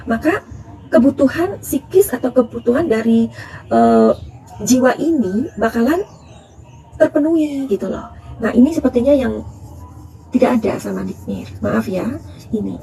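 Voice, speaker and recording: A middle-aged woman talking through a tarot reading, confiding and full of advice. Her voice sits slightly high but sounds dark and mellow, with plenty of gravelly fry. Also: expressive, normal speed, long pauses. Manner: chatty, calls listeners "sayang", counsel-giving. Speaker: tarot reader.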